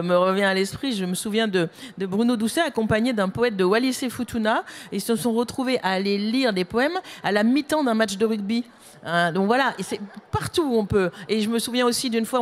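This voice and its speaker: Woman publisher on a panel, keen storyteller, mid-pitched voice. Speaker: author and publisher. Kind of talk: panel discussion answers.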